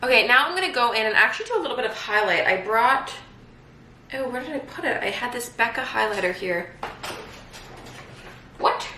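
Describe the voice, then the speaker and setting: Bright, chatty young woman in an echoey room. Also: a little high, expressive, brisk, long pauses. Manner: chatty, filler-heavy, upbeat. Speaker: beauty vlogger. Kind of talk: casual makeup tutorial chat. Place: home room during quarantine. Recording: echoey room, faint noise.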